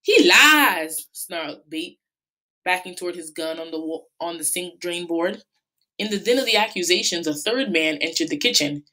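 A woman teacher reads a novel aloud to her students. Her voice is fairly low and steady, with a few small slips and restarts. The delivery is plain classroom reading. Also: moderate pace.

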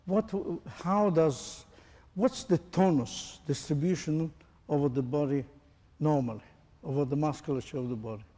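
A man's voice: fairly high pitch, normal speed, mellow, big-room sound. A man teaching a group, asking pointed questions and demonstrating with his own body. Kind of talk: interactive lecture to a group.

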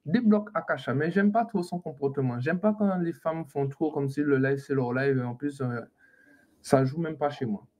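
Teasing live-stream host, higher-pitched man. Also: moderate pace, darkish tone. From French Antilles. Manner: teasing, scolding viewers, laughing often. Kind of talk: casual live-stream chat.

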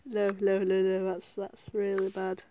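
A woman's voice: medium pitch, monotone, measured pace, warm tone, a little hiss or hum. A woman chatting casually to viewers while she plays a game, giggling often and talking herself through each step. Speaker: gaming video creator. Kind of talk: casual gameplay commentary.

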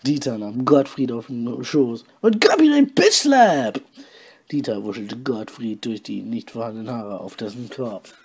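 A man reading a story aloud with deadpan, mocking asides. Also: mid-range voice, moderate pace, husky. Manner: deadpan, mocking, comments on his own reading. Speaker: podcast host reading his story aloud.

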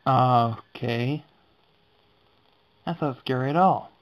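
A man's voice: mid-range voice, slow pace, lo-fi sound. A young man giving casual reaction commentary to a scare challenge, sounding like a nervous, easily startled horror streamer. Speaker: gaming YouTuber. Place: dark indoor room at night.

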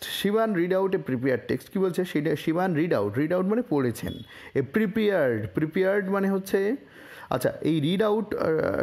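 A man from India explaining a newspaper report line by line, reading English phrases slowly and then explaining them, with frequent fillers and self-corrections. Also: a little high, creaky, darkish tone. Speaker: English teacher.

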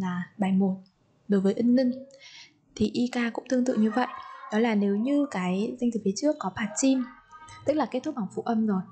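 Woman language teacher, mellow husky voice, patient, repeats examples, quizzes the class. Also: mid-range voice. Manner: patient, repeats example sentences slowly, asks learners questions. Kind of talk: grammar lesson for learners.

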